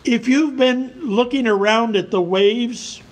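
Slow, high-voiced man preaching. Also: poor audio. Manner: slow, earnest preaching with scripture reading. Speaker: pastor. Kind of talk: sermon.

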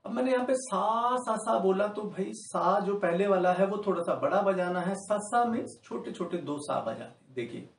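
A man with a Hindi accent teaching harmonica, patiently explaining step by step and chanting the note names slowly to show how long each note lasts. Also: sits high, lively intonation, recorded from a distance. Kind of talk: spoken music lesson. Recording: echoey room, a little off-mic.

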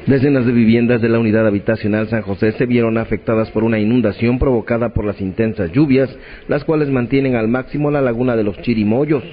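A man with a Mexican accent reading a scripted news report as a voice-over. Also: mid-range voice. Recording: dull lo-fi audio, faint noise.

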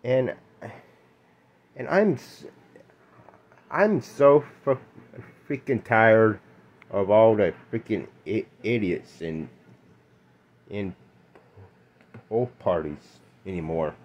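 A man's voice: on the low side, lively intonation, muffled recording. Stammering young man ranting angrily. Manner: halting and stammering, many fillers, angry bursts. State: shaking and upset. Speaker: vlogger. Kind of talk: casual rant to camera.

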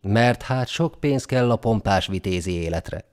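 A man reading a folk tale aloud in a dramatic, expressive storybook narration. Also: lowish voice.

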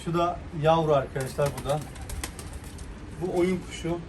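A man's voice: fairly high pitch, normal speed, recorded from a distance. A man vlogging at home with his dogs, coaxing them with affectionate commands while chatting to viewers. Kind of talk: casual vlog talk to dogs and viewers. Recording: echoey, off-mic, noisy background.

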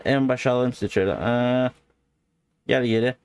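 A man giving casual, excitable gameplay commentary as a video host, joking and bantering in slangy street talk. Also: mid-range voice, normal speed, clean tone, no room sound.

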